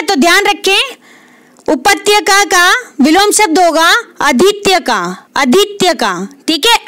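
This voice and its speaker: A Hindi literature exam tutor gives a quiz explanation lesson, taking her time, asking herself questions, answering them and repeating the key words. Her voice is very high, lively, bright and tense. The sound is close and dry, with no echo.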